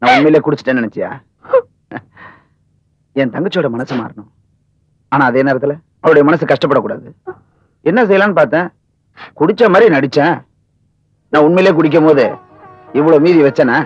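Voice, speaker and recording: Earnest village husband-brother, slightly high voice, muffled film audio. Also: male voice, a little fast, long pauses, slightly rough, dry recording. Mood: teasing. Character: village man, drunkenly worried brother. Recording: dull old film soundtrack with music.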